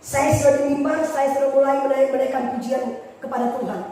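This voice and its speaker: High-voiced woman preaching in an echoey hall. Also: fairly quick, far from the mic, slight background noise. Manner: animated, emphatic, storytelling. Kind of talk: sermon.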